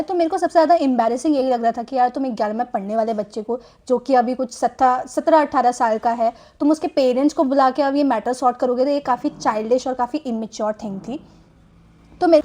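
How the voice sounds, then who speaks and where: A young woman tells a personal story in a relaxed, chatty vlog style. Her voice sits high. She drops English phrases into her speech and keeps adding small fillers as she goes. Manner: chatty, mixes Hindi with English phrases, frequent "theek hai" fillers. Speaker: storytime vlogger. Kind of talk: casual storytelling monologue.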